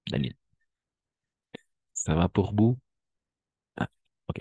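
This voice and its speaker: A man teaching a live online class, repeating phrases slowly to drill pronunciation and often checking that his students follow. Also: deep voice, sing-song, warm tone, husky, dry recording. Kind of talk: online language lesson.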